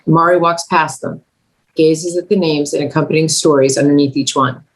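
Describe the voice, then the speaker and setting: A woman with a low-to-middling voice narrates a screenplay at a table read, delivering the scene directions as scripted narration. Her tone holds steady, she goes a little fast, and the recording is low quality.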